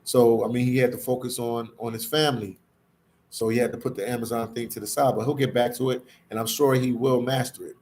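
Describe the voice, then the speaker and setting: This man runs a casual livestream, reading viewer comments and chatting in a repetitive, slangy manner that frequently calls them "man." His medium-pitched, darkish voice is flat and a little fast, with clear background ambient noise.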